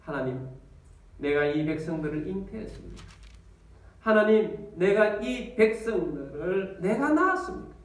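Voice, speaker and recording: A pastor voicing a weary old prophet. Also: male voice, high-pitched, sing-song, unhurried, pitched above the performer's own voice. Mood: pleading. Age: older. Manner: pleading, anguished prayer. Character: aged male prophet, weary and despairing. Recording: echoey church from a distance.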